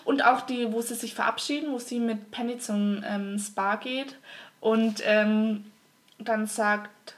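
A woman's voice: fairly high pitch, steady tone, slow, recorded from a distance. A young woman co-hosting a podcast, chatting casually and gushing as she retells TV scenes with lots of fillers. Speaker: podcast co-host. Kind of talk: casual chat about a TV series.

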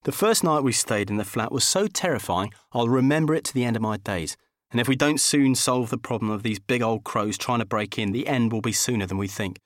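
A man's voice: medium pitch, fairly quick, no echo. A man reading a first-person comic novel as an audiobook, in a wry, dry storytelling manner. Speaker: audiobook narrator.

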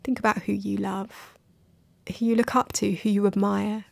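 A woman with a gravelly, fry-tinged voice talks alone into a dry, close mic as a podcast host. She is reflective and earnest, speaks affectionately to her listeners, and sounds a little emotional. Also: mid-range voice, flat delivery, normal speed, no room sound. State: emotional, recently crying. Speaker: podcast host and creative coach. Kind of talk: casual solo podcast monologue.

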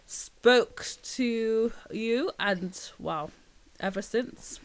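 A woman's voice: a little high, very slow. A young woman from Bristol, chatting casually as a podcast guest. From Bristol, England. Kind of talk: casual chat.

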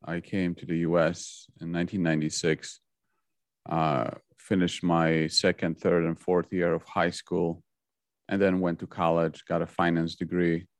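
Polish-accented man with a very deep voice. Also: level tone, a little slow, no echo, clean studio sound. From Poland. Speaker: guest investor. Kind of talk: podcast interview.

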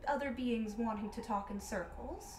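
A woman's voice: fairly high pitch, moderate pace, recorded from a distance, a little hiss or hum, natural voice. Woman voicing a blunt, literal lizardfolk bard, echoey room. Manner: matter-of-fact, literal, formal wording.

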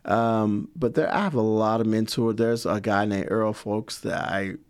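A middle-aged man, a guest in an interview, answering in a relaxed, rambling way with many fillers. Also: fairly low pitch, a little slow, clean tone. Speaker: guest, community organizer.

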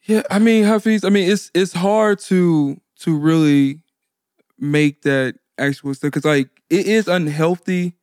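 A man's voice: a little high, unhurried, darkish tone, dry recording, clean studio sound. A man co-hosting a podcast, speaking casually and hesitantly, often restarting with "I mean". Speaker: podcast co-host.

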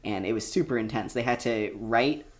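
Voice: medium pitch, normal speed. A young adult co-host in casual chat, rambling with lots of fillers and frequent laughter. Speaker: podcast co-host.

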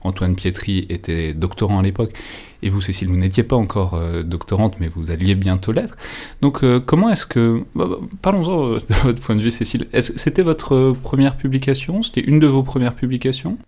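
A man hosting a defence research podcast, interviewing guests in a relaxed, halting way with frequent fillers. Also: mid-range voice. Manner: hesitant, with many fillers and restarts. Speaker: podcast host. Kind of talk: conversational interview.

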